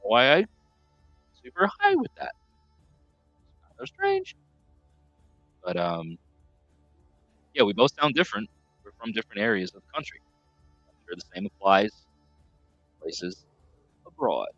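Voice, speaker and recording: Rambling New man, bright tone. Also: fairly low pitch, wildly swooping pitch, measured pace, long pauses, no room sound, highs cut off, soft background music. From New York, USA. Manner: rambling, self-correcting. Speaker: live stream host. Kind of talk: casual chat reading viewer comments.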